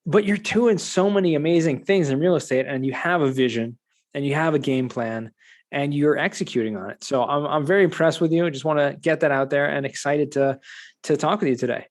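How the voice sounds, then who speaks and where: A man in his forties hosting a podcast interview, enthusiastic and animated as he introduces and questions his guest. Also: a little high, a little fast. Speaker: podcast host.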